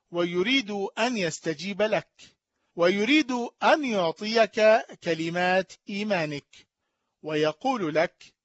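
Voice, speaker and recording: A man giving an earnest, measured radio sermon, then signing off to his listeners. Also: high-pitched, a bit bright, no room sound, dull audio. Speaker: radio preacher.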